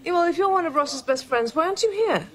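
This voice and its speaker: A woman's voice: extremely high pitch, expressive, fast. An actress playing a curt, snooty woman brushing off a caller on the phone. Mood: dismissive. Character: bored, dismissive wealthy woman on the phone. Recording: sitcom scene with loud laugh track.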